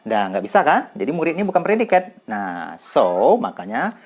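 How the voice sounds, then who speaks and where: A man teaching English grammar in a casual classroom style, repeating example sentences slowly and clearly. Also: medium pitch, wildly swooping pitch.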